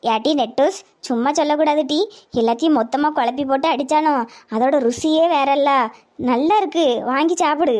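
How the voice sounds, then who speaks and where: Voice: sits high, fairly quick, darkish tone, natural voice. A voice actor playing a blunt, eager village woman in a cartoon comedy.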